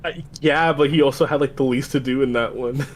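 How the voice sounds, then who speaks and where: A young man in a casual group call who argues excitedly and keeps repeating "no". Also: mid-range voice, fairly quick. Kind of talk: casual heated chat.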